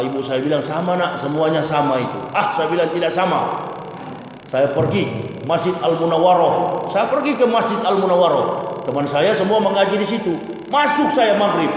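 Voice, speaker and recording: A middle-aged man preaches, spinning his stories with animated, joking energy. His voice sits high for a man. The sound rings with a long hall reverb over a faint hiss. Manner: lively, joking, animated storytelling with laughs. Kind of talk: sermon storytelling. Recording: echoey hall with faint noise.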